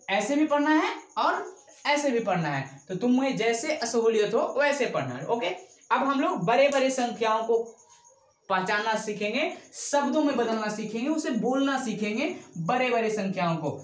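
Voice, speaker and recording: A woman's voice: a little high, animated, moderate pace. A woman teaching a math lesson, counting numbers aloud and asking and answering her own questions. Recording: echoey room.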